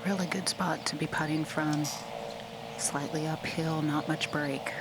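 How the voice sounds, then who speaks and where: Female golf commentator amid loud outdoor noise. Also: deep voice, steady tone, unhurried. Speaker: golf commentator, course analyst. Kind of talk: live golf tournament commentary. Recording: very noisy outdoor sports broadcast. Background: loud outdoor ambience.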